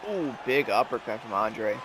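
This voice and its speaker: A man's voice: fairly low pitch, moderate pace, noisy background. A man giving sports commentary, introducing fighters and calling the action.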